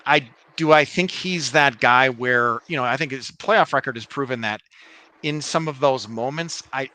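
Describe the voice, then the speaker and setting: A man's voice: medium pitch, bright, forceful tone, rough recording. A man co-hosting a casual sports podcast, hesitating and repeating his words before he settles on a point. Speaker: podcast co-host.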